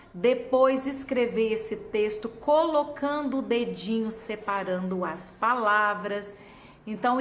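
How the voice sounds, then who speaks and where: A woman's voice: on the high side, a bit bright, a little hiss or hum. A woman literacy teacher explaining classroom methods to other teachers, sometimes acting out how she chants words with children. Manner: demonstrates classroom chanting, slow and deliberate. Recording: echoey room with faint ambience.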